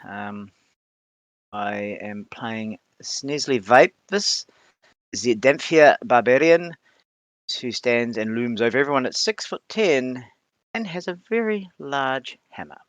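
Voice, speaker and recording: A man from Wellington with a New Zealand accent speaks softly and hesitantly as he introduces his character. The sound is dry and close. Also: medium pitch, slow pace, no room sound. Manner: hesitant, soft-spoken. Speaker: player.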